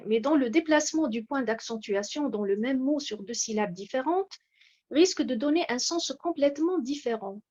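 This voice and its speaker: Woman lecturer, high voice, measured and hesitant, muffled online-talk sound. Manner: measured, explanatory, with frequent hesitations. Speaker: lecturer presenting slides. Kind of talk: slide-based lecture on word stress.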